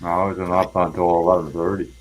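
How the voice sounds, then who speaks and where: A man's voice: sits low, little pitch movement, a little fast, highs cut off. A man chatting casually, hesitant and often repeating his words. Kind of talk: casual chat.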